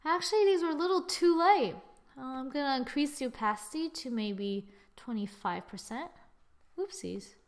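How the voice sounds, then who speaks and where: A tutorial host with a slightly high voice narrates a screen-recorded software tutorial from her computer. She's animated and speaks at a moderate pace, thinking aloud, often correcting herself and dropping in small exclamations as she goes.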